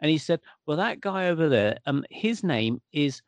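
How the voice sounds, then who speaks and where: A man's voice: fairly high pitch, moderate pace, no room sound. A British man from the UK, telling a personal anecdote in casual conversation and acting out the quoted dialogue. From United Kingdom. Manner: animated anecdote teller who acts out quoted dialogue.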